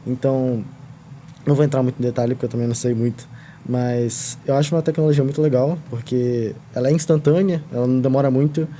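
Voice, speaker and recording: A man's voice: medium pitch, fairly even intonation, fast, dark tone, slight background noise. A young man speaking as a podcast guest in a studio, hesitant and unsure of himself.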